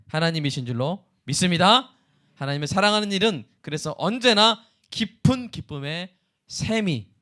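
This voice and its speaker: A middle-aged male pastor preaching a sermon, asking the congregation questions and answering them, dropping from loud exclamations to hushed whispers. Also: on the high side.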